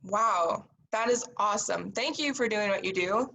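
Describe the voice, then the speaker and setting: A woman's voice: mid-range voice, moderate pace, vocal fry, bright, forceful tone, a little hiss or hum, low-quality recording. A woman from Canada moderating a panel discussion over a video call, upbeat and encouraging as she introduces the guests.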